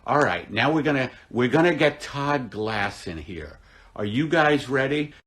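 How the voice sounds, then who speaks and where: Middle-aged male comic host, deadpan and gloomy, slow and rambling, with a swooping pitch. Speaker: host of a live stream. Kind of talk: casual comedic live-stream chat.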